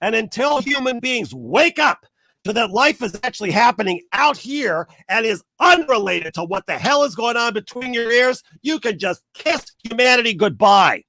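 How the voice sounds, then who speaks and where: A man's voice: extremely high pitch, moderate pace, vocal fry, no room sound, studio quality. A middle-aged man telling a story in a casual rant to camera, acting out the people in it. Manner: animated storyteller, acts out quoted people, rants.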